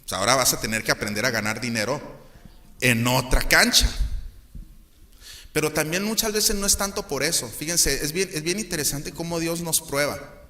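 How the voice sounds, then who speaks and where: A man's voice: a little high, lively intonation, normal speed, sharp tone. A man with a Mexican Spanish accent preaching a sermon as pastor, joking with his listeners and acting out the voices he quotes.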